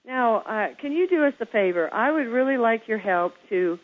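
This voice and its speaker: A woman's voice: fairly high pitch, expressive, normal speed. A middle-aged woman from Kansas hosting a casual interview, gushing with praise and calling her guest girl. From Kansas, USA. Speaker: host of a home-staging show. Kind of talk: casual interview on a phone line. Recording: tinny phone line.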